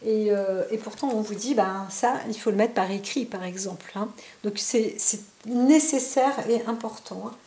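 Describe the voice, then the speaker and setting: A woman's voice: medium pitch, moderate pace, mellow. Roomy-sounding woman giving a card reading. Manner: talks directly to the viewer, many fillers and tag questions. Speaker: psychic card reader. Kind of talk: spontaneous oracle card reading to camera.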